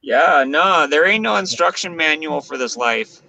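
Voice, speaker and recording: Mellow-talking guy in his forties, fairly high and very bright voice. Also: animated, measured pace, creaky, slight background noise, low-quality recording. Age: 40s. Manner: laid-back, says "man" and "you know". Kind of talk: casual chat.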